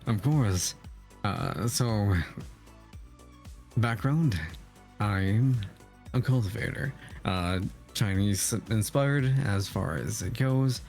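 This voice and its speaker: A man with a deep, raspy voice answering in casual interview chat, halting and reserved. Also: a little mellow. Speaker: podcast guest, VTuber streamer. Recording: music behind the voice. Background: background music.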